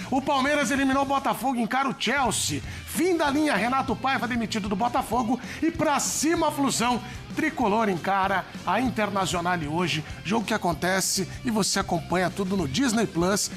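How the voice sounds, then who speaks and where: Very high-voiced man hosting sports banter. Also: expressive, brisk, a bit bright. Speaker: host of a football panel show. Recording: background music under the voice.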